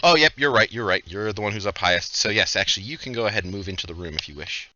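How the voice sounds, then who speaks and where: A man's voice: lowish voice, lively intonation, quick pace, sharp tone, dry recording, lo-fi sound. A man running a tabletop game as game master, narrating and ruling on the players' actions.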